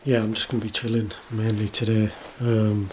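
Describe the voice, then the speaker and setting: Low-key British man, flat and mellow. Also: moderate pace, a little hiss or hum. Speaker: vlogger. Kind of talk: casual vlog talk to camera.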